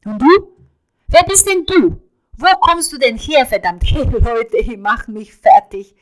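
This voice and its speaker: Woman doing a loud hotheaded young jazz man. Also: very high-pitched, animated, measured pace, pitched above the performer's own voice, low-quality recording. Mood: furious. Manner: loud, cursing, agitated. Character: brash young male jazz musician, hotheaded.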